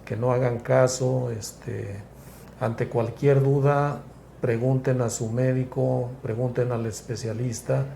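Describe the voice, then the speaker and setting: A man, a psychiatrist guest explaining things in a measured, step-by-step way with frequent restarts. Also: mid-range voice, fairly even intonation, vocal fry, warm tone, slight background noise. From Mexico. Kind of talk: explanatory interview talk.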